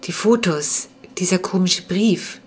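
A woman's voice: on the low side, takes it slowly, breathy edge. A woman reading the lines of a puzzled, anxious mother in a storybook. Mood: bewildered. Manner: bewildered and impatient.

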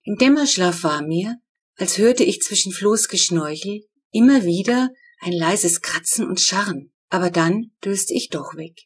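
A woman reading her own children's book aloud in lively storyteller narration. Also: medium pitch, a little slow, husky. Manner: lively storytelling, voicing the characters.

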